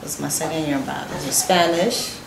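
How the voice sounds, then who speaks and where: A teenage girl speaks in a low voice, giving simple, earnest interview answers as a student. The recording is echoey and noisy, with room ambience behind her. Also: steady tone, fairly quick, creaky.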